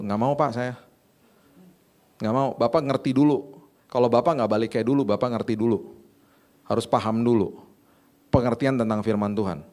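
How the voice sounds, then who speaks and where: A man's voice: deep voice, darkish tone. A middle-aged man, preaching a sermon in a casual, conversational way and acting out stories. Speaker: pastor.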